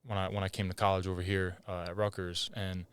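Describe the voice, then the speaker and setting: A young man hosts a relaxed podcast conversation in a somewhat low, smooth, clear voice. He talks easygoing and slangy, tossing in "bro" and "like." The close mic sounds dry. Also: fast talker, no room sound. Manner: laid-back, slangy, says "bro" and "like". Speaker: podcast host. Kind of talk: casual podcast interview.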